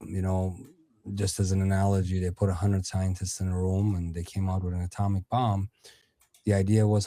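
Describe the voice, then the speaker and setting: A man's voice: deep voice, dark tone. A middle-aged man from Iran, a dentist, answering podcast questions with many fillers and restarts. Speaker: dentist and conference founder.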